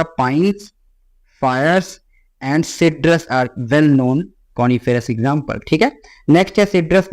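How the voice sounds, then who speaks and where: A young man lecturing on biology in a classroom style, his voice sitting a little high for a man. He reads English lines slowly, then explains them plainly. He keeps checking in with his students. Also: darkish tone. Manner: frequent "theek hai" fillers, addresses students directly. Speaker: biology teacher.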